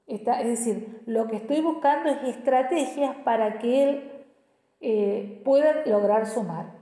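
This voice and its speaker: A woman's voice: a little high, measured pace, mellow. Woman teaching in an echoey room. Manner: explains step by step, often checks in with "¿sí?". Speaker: educational psychologist. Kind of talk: explanatory teaching talk. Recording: echoey room with long reverb.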